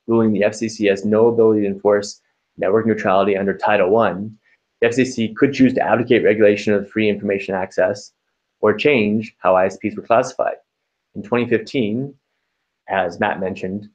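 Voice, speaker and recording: A man on a panel, co-founder of a small software company, reading measured, formal prepared remarks. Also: fairly low pitch, highs cut off.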